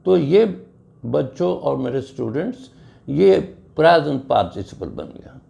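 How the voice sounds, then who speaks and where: A man with a Pakistani accent teaching English grammar and spelling out each word letter by letter. His delivery is slow and deliberate, with a gravelly edge to his voice. His pitch sits fairly high and moves lively up and down. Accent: Urdu-flavored Pakistani English. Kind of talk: grammar lesson.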